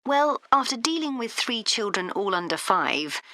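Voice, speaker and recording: A woman's voice: fairly high pitch, very animated, moderate pace, pushed and bright, no room sound. A woman in her thirties playing a practical, upbeat mother looking for receptionist work in a scripted exam dialogue, asking friendly questions. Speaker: job seeker.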